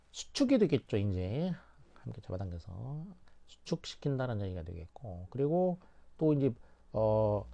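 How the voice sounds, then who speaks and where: Male vocab teacher, explanatory lecture, repeats key words; dark mellow tone, dull recording. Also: medium pitch. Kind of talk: lecture explaining word roots.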